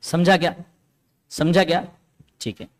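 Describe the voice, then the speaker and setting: A man's voice: on the high side, level tone, a little slow. A man teaching a classroom lecture, explaining step by step and often checking that students follow.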